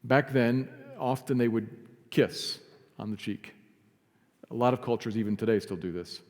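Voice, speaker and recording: A man preaching a sermon as pastor, earnest, sometimes dropping to a soft, quiet emphasis. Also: mid-range voice, normal speed, in a large hall. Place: church sanctuary.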